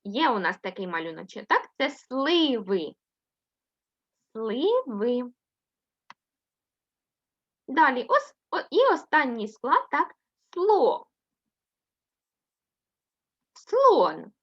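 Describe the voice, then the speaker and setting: Slow, lively-voiced woman teacher. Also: fairly high pitch, highs cut off. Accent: Ukrainian. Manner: slow, sing-song syllable-by-syllable reading with frequent "так?" checks; affectionate praise of pupils. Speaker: first-grade teacher. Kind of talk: remote reading lesson for young children.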